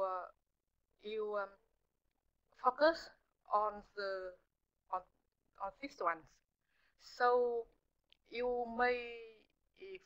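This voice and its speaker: A woman's voice: fairly high pitch, fairly bright tone. Hesitant Vietnamese-accented woman researcher. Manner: hesitant, halting, often restarting to search for words. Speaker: visiting researcher presenting. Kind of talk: answering audience questions after a talk. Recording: muffled lecture recording.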